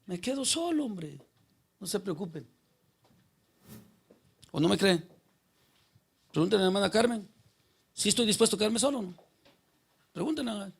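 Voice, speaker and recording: A man's voice: high voice, normal speed, vocal fry, long pauses, husky. A man preaching a conversational sermon in church, often calling out to listeners by name with rhetorical questions. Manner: keeps questioning the congregation by name, rhetorical and animated. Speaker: pastor.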